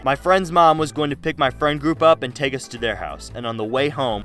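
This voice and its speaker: A young man narrating a comedic storytime in an animated, sarcastic way. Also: medium pitch. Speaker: storytime YouTuber.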